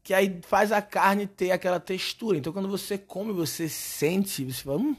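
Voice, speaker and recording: A hoarse, hungover man with a Brazilian accent, telling stories in a slangy, animated, sweary way as a comedian hosting a casual podcast. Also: sits high, normal speed. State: hoarse from a hangover and shouting. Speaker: podcast host and stand-up comedian. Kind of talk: casual comic podcast monologue.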